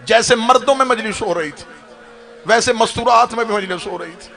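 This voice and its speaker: A Pakistani cleric with a Pakistani Urdu accent, delivering an impassioned majlis sermon from the pulpit. His high, bright, gravelly voice carries a mournful recital that swells into crying shouts, heard through a pulpit microphone. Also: moderate pace. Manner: lamenting, recited narration that rises into crying shouts. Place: standing at a pulpit at a gathering.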